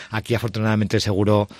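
Deep-voiced man, halting speech. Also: flat delivery, dry recording. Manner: hesitant, frequent restarts and fillers. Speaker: restaurant owner. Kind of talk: radio interview guest. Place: radio studio.

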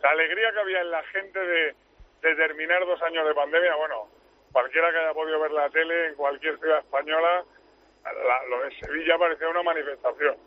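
A man's voice: a little high, fairly even intonation, brisk, slight background noise. A man calling in from the road to give chatty, opinionated sports analysis on the radio. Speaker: commentator calling in. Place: car on the road. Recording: tinny phone line.

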